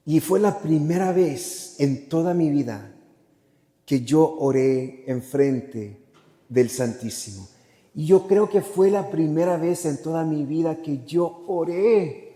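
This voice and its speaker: Friar type, man with a slightly high voice, telling his story slowly in a big echoing church, voicing the people in it. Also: mellow. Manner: vivid storyteller who acts out quotes and slips into English phrases. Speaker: Augustinian friar giving a parish talk. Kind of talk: storytelling testimony. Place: parish church. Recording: long church reverb.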